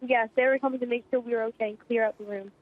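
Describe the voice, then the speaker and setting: A woman's voice: on the high side, steady tone, no room sound. Shaken teenage girl on a phone line. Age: teens. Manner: rapid, shaken recounting. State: in shock. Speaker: eyewitness student. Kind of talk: phone interview.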